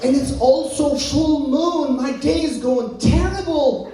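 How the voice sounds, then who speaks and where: A man's voice: extremely high pitch, slow pace, warm tone, voice pushed up. A man doing a dramatic astrology woman. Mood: complaining. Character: moody astrology-minded woman. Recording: echoey room from a distant mic.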